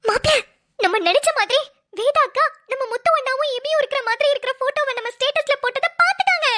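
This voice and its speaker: A woman voicing an excited young man in a cartoon, talking to his friend in a hurried, conspiratorial way. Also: very high voice, dry recording, studio quality. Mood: gleeful. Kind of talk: cartoon voice acting.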